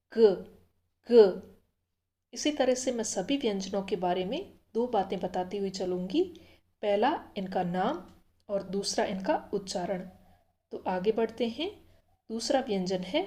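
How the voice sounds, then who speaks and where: A woman's voice: medium pitch, mellow. A woman teaching a language lesson, repeating each letter sound patiently and explaining step by step. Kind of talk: slow, careful language lesson.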